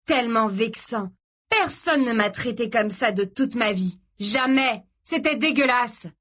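A woman's voice: medium pitch, a little slow, slightly rough. A woman doing snarling furious young man. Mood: furious shouting. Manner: shouting, snarling and vulgar. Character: volatile jealous young man, menacing and furious.

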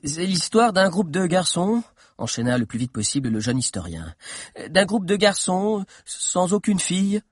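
A man's voice: high voice, very animated, normal speed, slightly rough, no room sound, studio quality, voice pushed up, full character voice. A man voicing a timid, bespectacled teenage boy historian who lectures nervously, in an audiobook. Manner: nervous lecturing storyteller, growing bolder. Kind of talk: audiobook character voice.

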